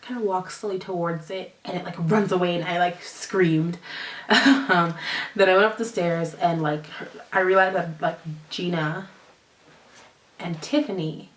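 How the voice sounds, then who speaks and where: A young woman from Canada tells a story in a slangy, lively way and acts out every line of dialogue. Her voice sits a little low for a woman. The sound is roomy and comes from a mic set some way off. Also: a little slow. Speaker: vlogger. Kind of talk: casual storytime. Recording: roomy, from a distance.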